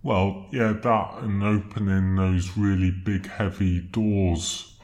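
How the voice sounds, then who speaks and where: A man on a comic podcast, speaking through a slowed-down, deepened voice effect, fussy and literal-minded in his earnest banter. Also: fairly even intonation, a little mellow. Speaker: podcast co-host.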